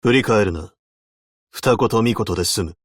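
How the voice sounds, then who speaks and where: Ulpianus, low-voiced grim veteran hunter. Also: male voice, measured pace, no echo, studio quality. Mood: grave. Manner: terse, solemn, commanding, blunt. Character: grim, stern veteran abyssal hunter, a weary male warrior. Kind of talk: Japanese video game character voice lines.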